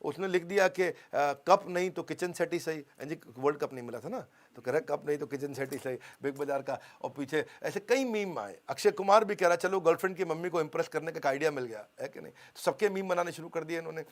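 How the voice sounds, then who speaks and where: Business coach guy on stage, slightly high voice, punchy and repetitive, makes the crowd finish his lines. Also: quick pace, few pauses. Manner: call-and-response, has the audience finish lines; emphatic, repeats key phrases. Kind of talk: motivational business seminar.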